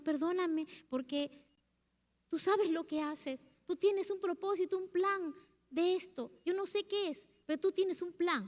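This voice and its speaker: Woman pastor, middle-aged, high voice, heartfelt confessional sermon, long church reverb. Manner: emotional, confessional preaching with quoted prayers. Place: church sanctuary.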